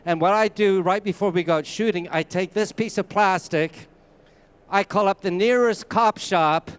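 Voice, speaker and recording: A Canadian man with a high, smooth voice speaks at a moderate pace, presenting a masterclass on a conference stage before a live audience. His manner is anecdotal and conversational, and he addresses the crowd directly.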